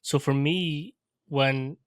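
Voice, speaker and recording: A man from Portugal hosting a podcast, speaking in a measured, reflective way and often restarting his phrases. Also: fairly high pitch, steady tone, dry recording, studio quality. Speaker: podcast host. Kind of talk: casual interview conversation. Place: podcast studio.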